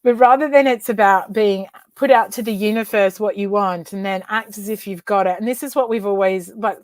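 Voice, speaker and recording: An expressive woman guest speaking as a coach and author, mid-height voice in a dry, close-miked setting. She talks in a conversational way and brings her stories to life with sudden vocal leaps. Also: a little fast, dry recording. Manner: animated, acts out dialogue with big pitch leaps. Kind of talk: conversational storytelling interview.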